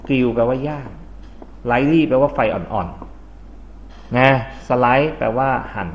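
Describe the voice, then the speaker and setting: A man from Thailand teaches an English lesson in a classroom, explaining words and quizzing his students. His voice sits at a middling pitch. The recording is dull and lo-fi, with faint noise behind it. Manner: explains vocabulary, asks the class questions.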